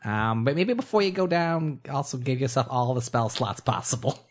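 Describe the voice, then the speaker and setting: A man's voice: medium pitch, animated, normal speed. A man playing a tabletop game, laying out plans in a reassuring, casual way. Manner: planning, reassuring. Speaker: player.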